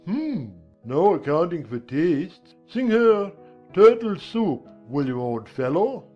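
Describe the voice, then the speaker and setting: A man's voice: sits high, sing-song, warm tone, faint music behind, full character voice. A man voicing an impatient, bossy male Gryphon in a dramatized audiobook. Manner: impatient, bossy, drawn-out lines. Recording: dull lo-fi sound.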